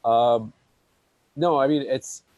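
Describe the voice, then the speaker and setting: Guy on a video call, dark mellow voice, dry sound, keeps restarting sentences. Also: medium pitch, slow pace, dry recording, highs cut off. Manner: hesitant, many restarts, wry. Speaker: maintainer on open project call. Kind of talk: casual technical meeting talk.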